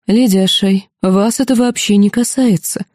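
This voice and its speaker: Audiobook: an icy, contemptuous elderly matriarch, played by a woman, dark mellow tone. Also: mid-range voice, moderate pace, no echo, clean studio sound, natural voice. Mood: cold. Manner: cold, contemptuous. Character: haughty stern elderly noblewoman, grandmother.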